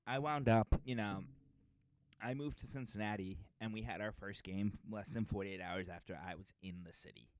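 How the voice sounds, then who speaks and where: Laid-back Boston guy, low dry voice. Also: steady tone, normal speed, no echo. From Metro West Boston area. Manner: rambling, laid-back, with many fillers and restarts. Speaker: podcast co-host. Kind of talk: casual chat. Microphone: podcast mic.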